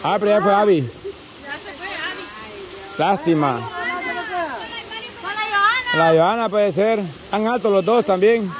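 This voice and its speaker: A woman with a Salvadoran accent hosting outdoor party games, cheering players on with quick repeated calls and frequent laughter. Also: mid-range voice. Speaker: game host. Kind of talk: lively game commentary. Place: outdoors at a lively gathering. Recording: outdoor crowd noise. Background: crowd chatter.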